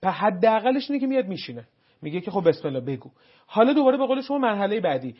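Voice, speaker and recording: A man's voice: high voice, very animated, husky, muffled recording. A male host who talks politely, thinking aloud and giving examples as he talks with a guest. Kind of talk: conversational interview.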